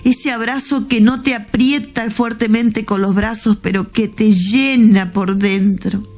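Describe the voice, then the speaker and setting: Soft-spoken woman giving a heartfelt testimony. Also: on the high side, fairly even intonation, measured pace, soft background music. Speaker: faith testimony speaker.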